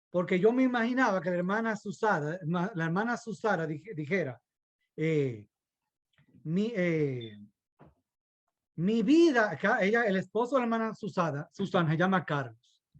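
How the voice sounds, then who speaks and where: A man's voice: high voice, animated, normal speed, highs cut off. A man preaching a sermon, fervent and given to rhetorical asides, sometimes stumbling and restarting mid-phrase.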